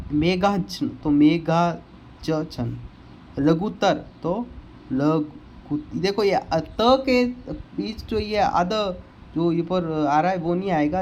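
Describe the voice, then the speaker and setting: A man's voice: on the high side, darkish tone, a little hiss or hum. A man teaching a Hindi grammar lesson for exam preparation, explaining word by word and repeating the wrong and right forms of each word. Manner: explains slowly, repeating words and correcting spellings.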